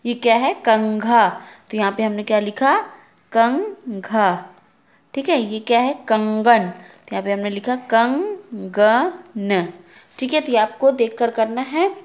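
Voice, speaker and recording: A woman's voice: a little high, unhurried. A woman teacher giving a kindergarten Hindi lesson, patiently sounding out words and asking questions.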